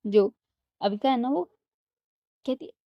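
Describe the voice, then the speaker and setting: A woman's voice: medium pitch, lively intonation, moderate pace, no room sound. A young woman telling a romantic story in a casual, chatty way, mixing in English words. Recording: dull lo-fi dry sound.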